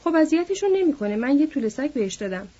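A woman voicing a calm, easygoing male mule driver who talks reassuringly, in a storybook reading. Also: high voice. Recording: dull lo-fi audiobook recording.

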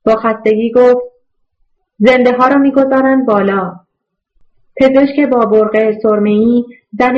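A woman narrating a novel in a steady, even storytelling voice. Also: medium pitch, lo-fi sound. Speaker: audiobook narrator. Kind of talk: scripted narration.

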